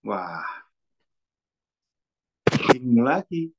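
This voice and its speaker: This man speaks Muna at medium pitch, very slowly, with big swings in pitch, over heavy background noise. His subject is consciousness and self-development, delivered as a loose, musing monologue. He keeps correcting himself and drifting into asides.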